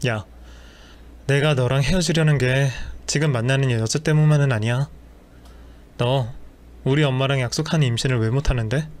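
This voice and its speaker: A man's voice: medium pitch, normal speed, pauses often, natural voice. A man reading a scornful cheating husband. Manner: scornful and dismissive. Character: cruel, contemptuous cheating husband.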